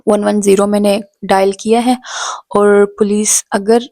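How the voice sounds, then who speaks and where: A woman's voice: mid-range voice, flat delivery, unhurried, dark tone, dry recording. A young woman from Pakistan telling her story in a chatty vlog, switching between Hindi-Urdu and English. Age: young adult. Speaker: vlogger.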